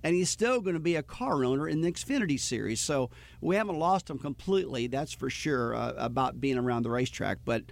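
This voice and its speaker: A man's voice: medium pitch, expressive, fairly quick, vocal fry. A man chatting casually in a sports discussion.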